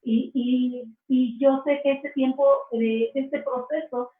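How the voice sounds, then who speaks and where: A woman telling her faith testimony in an interview, earnest and slow, often restarting her phrases. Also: high voice, steady tone. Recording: echoey, distant, phone-like sound.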